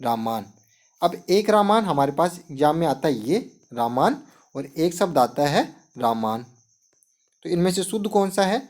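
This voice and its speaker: A man's voice: a little high, big pitch swings, a little slow, a little mellow. A man teaching a Sanskrit lesson, explaining step by step and asking and answering his own questions. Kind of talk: classroom lesson.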